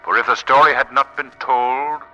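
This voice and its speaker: An actor playing a sinister, menacing invisible avenger in a 1940s radio drama, with an ominous, theatrical, drawn-out delivery. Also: male voice, mid-range voice, steady tone, pushed and bright, dull audio, soft background music. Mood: sinister, mocking. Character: the Shadow, sinister menacing invisible crime fighter. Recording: old 1940s radio recording.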